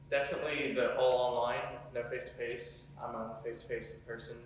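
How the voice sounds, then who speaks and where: Young male student, mid-pitched voice, casual interview answers, heavy echo, distant mic. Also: little pitch movement, normal speed. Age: young adult. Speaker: college student being interviewed. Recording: very echoey, distant mic, faint noise.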